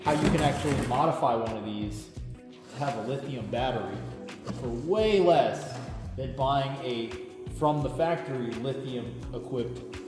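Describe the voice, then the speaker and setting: A relaxed, chatty man explains a product in a garage that rings with a big hall-like echo. His voice sits at an ordinary pitch, caught on a camera mic. Music plays clearly in the background. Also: measured pace. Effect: big echoey room sound from a garage. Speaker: product reviewer. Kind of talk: casual unboxing walkthrough. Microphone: camera mic, lapel mic dead. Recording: echoey garage with music behind.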